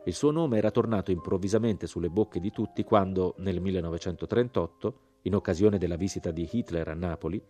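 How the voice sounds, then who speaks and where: A man reading a literary novel aloud as an audiobook, in a measured, steady way. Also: sits low, faint music behind. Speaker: audiobook narrator. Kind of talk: scripted literary narration.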